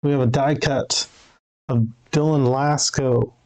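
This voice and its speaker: Casual card break host, male, gravelly voice, reads names and numbers off cards. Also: mid-range voice, steady tone, takes it slowly, a little mellow, poor audio. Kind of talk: live card break commentary.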